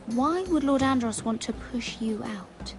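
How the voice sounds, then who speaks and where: Poised, lilting, high-voiced noblewoman. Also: expressive. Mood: polite, probing. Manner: polite, measured, questioning. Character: poised, probing young noblewoman. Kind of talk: video game voice acting. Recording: music behind the voice.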